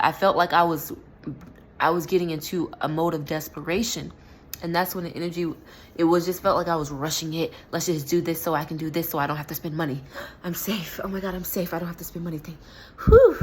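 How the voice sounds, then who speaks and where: An animated young woman tells a casual vlog story in a fairly low voice, full of slang and quick asides. She laughs often and jumps up high when something surprises her. A faint hum of noise sits behind her. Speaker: vlogger.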